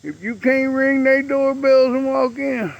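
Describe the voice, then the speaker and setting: A man's voice: very high-pitched, steady tone, measured pace, vocal fry, highs cut off. A man, ranting bluntly and profanely to camera outdoors as a vlogger. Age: 60s.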